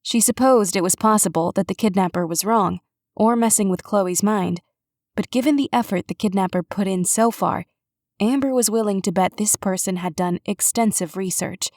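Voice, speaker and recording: Woman audiobook narrator, measured even read, mid pitch, dry close studio mic. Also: no room sound. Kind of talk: scripted narration.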